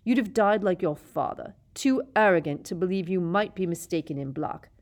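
A woman's voice: lowish voice, moderate pace, mellow, close to an everyday voice. A woman doing a sneering, bitter male schoolmaster. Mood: enraged. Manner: sneering, silky, rising to shrieks. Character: cold, bitter male potions teacher, middle-aged.

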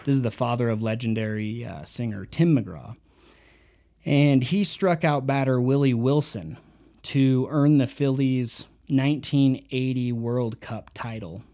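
A man's voice: mid-range voice, unhurried, warm tone. A man talking through a book in a casual, reflective review, reading out quotes and mixing in personal stories.

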